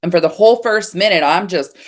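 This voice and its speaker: A woman cold-exposure coach, a podcast guest, telling personal stories in an earnest, animated way. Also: fairly low pitch, fairly quick. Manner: earnest, animated, acts out emotions. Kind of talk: personal storytelling in conversation.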